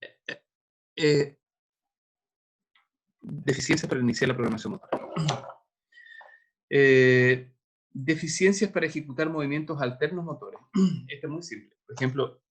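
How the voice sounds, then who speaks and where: Speaking at a measured pace in a medium, slightly rough voice, a middle-aged man pauses often during a recorded university lecture on neuropsychology. He talks conversationally and works through examples, hesitating frequently.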